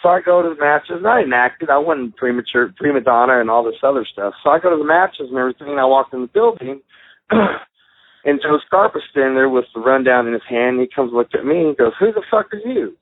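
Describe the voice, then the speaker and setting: A man's voice: medium pitch, fast, no room sound. A middle-aged man from Texas, a former wrestler telling stories bluntly with plenty of swearing, heard over a phone line. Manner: blunt, swears freely, acts out others' lines. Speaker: guest, former pro wrestler. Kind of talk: casual storytelling. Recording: dry phone-line call.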